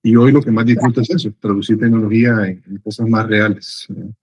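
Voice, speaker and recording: A middle-aged man from Honduras, a business strategy consultant answering interview questions thoughtfully, with frequent pauses and restarts. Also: lowish voice, steady tone, darkish tone, breathy edge, poor audio.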